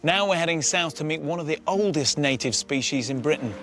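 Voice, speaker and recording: A man's voice: a little high, lively intonation, fairly quick, over music. A man giving scripted narration for a nature documentary.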